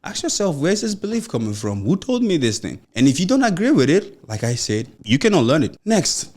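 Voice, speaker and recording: A fairly high-pitched, slightly mellow voice with big pitch swings and a fairly quick pace comes from a young Nigerian-accented man hosting a motivational podcast alone. He stammers mildly and sounds earnest and encouraging, speaking in loose run-ons full of "you know."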